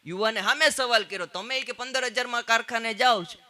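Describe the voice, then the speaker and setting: Male stand-up comic, high and very bright voice, punchy storytelling on stage. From Gujarat, India. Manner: punchline jokes with quick quoted exchanges. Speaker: stand-up comedian. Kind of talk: live Gujarati stand-up storytelling.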